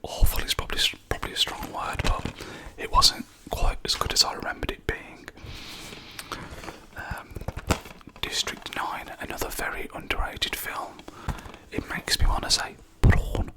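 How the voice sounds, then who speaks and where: An adult ASMR creator talking in a soft, unhurried whisper, often pausing on "um" and "yeah". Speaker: ASMR creator reviewing own film collection.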